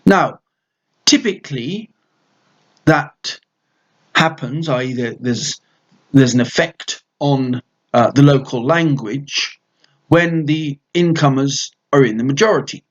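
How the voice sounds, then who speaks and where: Slow, measured man giving a lecture. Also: medium pitch, husky, highs cut off. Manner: measured, explanatory, pausing between short phrases. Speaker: lecturer explaining dialect history. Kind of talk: explanatory lecture to viewers.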